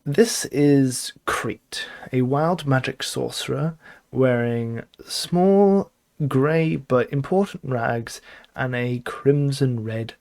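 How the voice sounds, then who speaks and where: Slow-speaking tabletop player. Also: mid-range voice, creaky, a little mellow. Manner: slow, deliberate, amused. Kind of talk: describing a character in a tabletop game.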